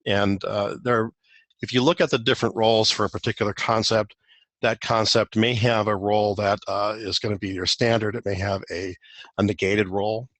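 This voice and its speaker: A man's voice: on the low side, a bit bright, no room sound. A man presenting a technical guide in a recorded webinar walk-through, explaining loosely with many fillers and restarts.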